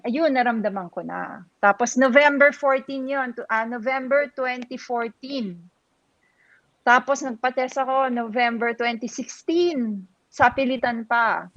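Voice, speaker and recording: A woman's voice: a little high, no echo, muffled recording. A woman with a Filipino accent, earnestly sharing her experience as a survivor in a chat, mixing Tagalog and English. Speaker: breast cancer survivor guest. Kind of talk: personal testimony in a chat.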